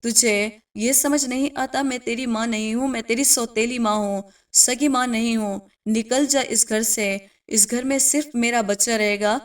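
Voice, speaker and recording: Woman voicing a storybook stepmother, cruel, harsh, scheming, high voice, distant mic. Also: steady tone, hardly any pauses, close to an everyday voice. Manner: harsh, threatening.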